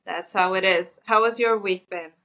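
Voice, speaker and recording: Woman, tired, candid casual chat, bright tense voice, podcast co-host on a call. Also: mid-range voice, steady tone, normal speed. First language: Norwegian. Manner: candid, talks openly about her feelings. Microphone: online call.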